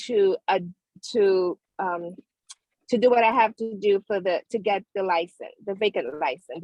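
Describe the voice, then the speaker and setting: A woman calling in by phone from outdoors, testifying at a hearing in a hesitant, halting way as the line crackles and fades in and out. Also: mid-range voice, no room sound. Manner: hesitant, halting, many restarts. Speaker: property owner appealing a violation. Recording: dry, muffled phone line.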